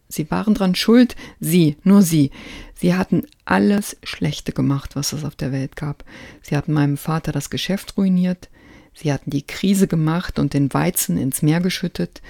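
A book podcast host reads literature aloud with a gravelly, fry-tinged voice at a middle pitch. The delivery is dramatic and swells into full-throated shouting for the quoted outbursts. The sound is close and dry, with no room in it. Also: dry recording. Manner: dramatic reading, bursts into loud shouting for quoted cries.

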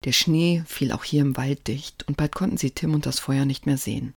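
A narrator reading a story aloud in a calm, even storytelling manner. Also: medium pitch, moderate pace, creaky, slightly rough, no room sound, studio quality.

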